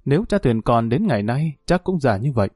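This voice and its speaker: A man reading a story aloud in steady, scripted narration. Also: mid-range voice, brisk, breathy edge, no echo, clean studio sound. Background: faint music.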